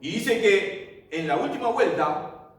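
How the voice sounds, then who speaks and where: A man's voice: sits high, lively intonation, slow. A man teaching a Bible class, telling the story vividly and asking the class rhetorical questions. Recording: echoey room, mic far off.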